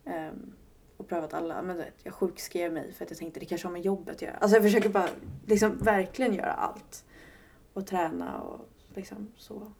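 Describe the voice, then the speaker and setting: Young woman with a gravelly voice, candid. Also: lowish voice, steady tone, a little mellow, slight background noise. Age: 20s. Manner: candid and searching, many fillers, laughs at herself. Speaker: podcast guest. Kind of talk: casual podcast conversation.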